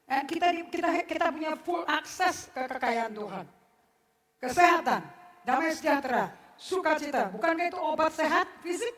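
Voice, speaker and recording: The pastor's voice is high-pitched, expressive and fairly bright, at a moderate pace, recorded from far off in a reverberant church hall. She delivers a sermon to her congregation with blunt reproach, mixing formal phrasing with slang and humor.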